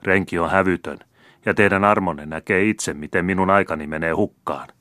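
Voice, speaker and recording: A man's voice: low voice, a bit bright, dry recording, clean studio sound. A man voicing a grumbling, peevish old gardener in a storybook reading. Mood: aggrieved.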